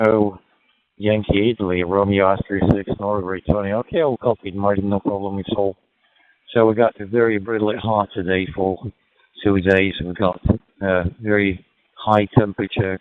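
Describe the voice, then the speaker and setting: A man's voice: lowish voice, no echo. Man heard over a ham radio link. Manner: methodical call signs, plainly worded weather report. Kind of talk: casual radio contact. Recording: narrow tinny radio audio, dry.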